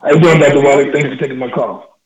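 A man's voice: mid-range voice, steady tone, quick pace, crowd noise. A male caller comes through a tinny, narrow phone line, and each phrase he says echoes back on itself. He is polite and deferential, the way a call-in listener talks to the host. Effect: echo on his phone line, voice repeating back. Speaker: radio show caller. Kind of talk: call-in conversation.

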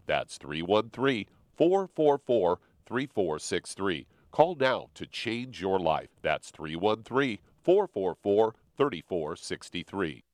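A man speaking as a smooth radio host and announcer, reading a scripted spot in a measured way. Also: lowish voice, big pitch swings, dry recording. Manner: smooth, measured, slow on repeated numbers.

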